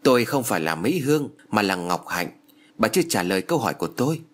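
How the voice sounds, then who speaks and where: A man's voice: on the low side, very animated, fast. Man doing a fierce, menacing young woman. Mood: stern. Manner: harsh, commanding, snarling.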